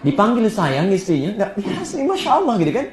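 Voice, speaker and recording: A man preaching a sermon, telling stories with animated, rising emphasis. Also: high voice, a little fast. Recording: echoey room.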